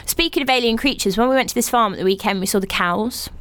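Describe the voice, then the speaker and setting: A woman's voice: fairly high pitch, fast talker. A woman, chatting on a podcast and telling a story with lots of energy and laughter. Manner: animated storyteller, laughs often. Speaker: podcast co-host. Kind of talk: casual chat.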